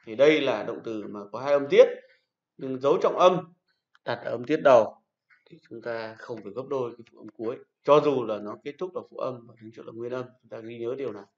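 A man's voice: medium pitch, a little fast. Male teacher, patient, repeats rules; roomy classroom, muffled lo-fi recording. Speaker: English teacher. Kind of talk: classroom lesson. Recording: echoey room, dull lo-fi sound.

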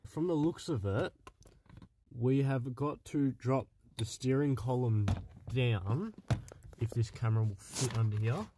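A car project vlogger talks his way through work in a cramped footwell, out of breath and swearing and muttering throughout. His voice is medium-pitched and a little slow, with slight background noise behind it.

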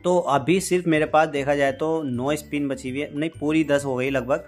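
A man's voice: a little high, steady tone, moderate pace, soft background music. A man giving casual, chatty commentary over his own slot game session, speaking frankly to his viewers about wins and losses. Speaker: gaming YouTuber.

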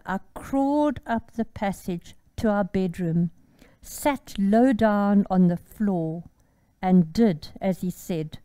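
An older woman, gently and earnestly leading a recorded devotion. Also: mid-range voice, smooth, dry recording. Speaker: devotion leader.

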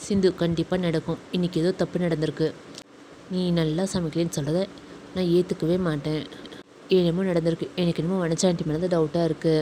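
A woman voicing Sindhu, a young woman who gently consoles her sister-in-law. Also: fairly low pitch, level tone, fairly quick, slight background noise, close to an everyday voice. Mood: consoling.

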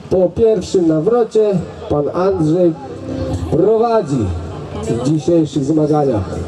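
Man, event announcer, outdoor crowd commentary, high voice, public address microphone. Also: lively intonation, slow pace, noisy background. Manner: chatty, addresses the crowd directly. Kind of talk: live sports commentary over a public address. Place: outdoor carriage-driving competition field.

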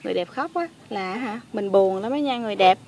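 A woman's voice: medium pitch, fast, a little mellow, a little hiss or hum, pitched below the performer's own voice, lightly acted. A woman voicing a grumpy, bossy male toy dinosaur that grumbles and teases. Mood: flirty, soothing. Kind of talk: toy play voice acting.

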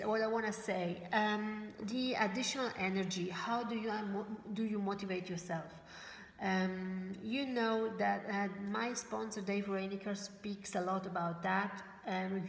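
A woman in her forties, whose first languages are Italian and German, gives a casual motivational talk in English to camera for network marketers, often searching for words with many fillers and restarts. Her pitch is medium and she gestures with her hands. She's in a bright living room, with roomy echo and faint room noise.

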